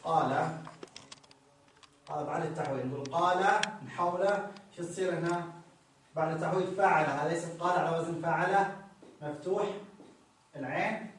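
A man's voice: fairly high pitch, moderate pace, pauses often, recorded from a distance, a little hiss or hum. A male grammar teacher, explaining a text to a class and repeating key phrases so students notice them. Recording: very echoey room, voice from off-mic.

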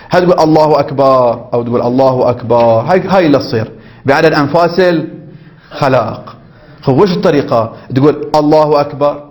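Guy teaching a religious law class, talks quick, keeps asking if everyone's got it. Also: medium pitch. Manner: explanatory, keeps checking understanding with the class; demonstrates and repeats phrases in different ways. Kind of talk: jurisprudence lesson reading and explaining a text.

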